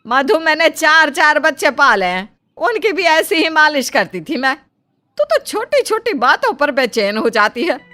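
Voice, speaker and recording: A woman voicing a stubborn, bossy older mother-in-law in a cartoon story, talking loudly and dismissively. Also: sits high, big pitch swings, unhurried, faint music behind, pitched above the performer's own voice, full character voice. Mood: scolding. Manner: loud, scolding, dismissive.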